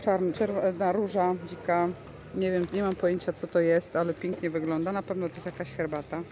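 This woman speaks with fairly low pitch, a flat delivery and a brisk pace while hosting a casual vlog in a large covered market hall. She enthusiastically explains goods as she holds the phone camera, standing behind it, amid the busy sounds of the crowd.

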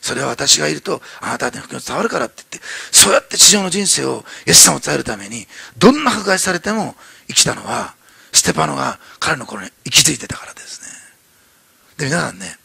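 A man preaching a sermon as pastor in a church, animated and fast, acting out the voices in his story with many fillers. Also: on the high side, vocal fry, slightly rough, dry recording.

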